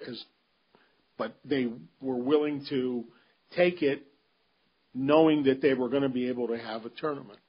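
A man giving a casual solo recap of a golf tournament, pausing often with ums and restarting his sentences. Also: mid-range voice, husky, highs cut off. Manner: halting, many ums and restarts, measured. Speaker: golf commentator. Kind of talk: unscripted solo commentary.

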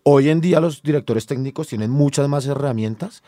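A man on a sports talk show lays out explanations and drops casual slang as he talks. His voice is warm and dark in tone, and it is recorded dry and close. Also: mid-range voice, fairly quick, no echo. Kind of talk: casual football debate.

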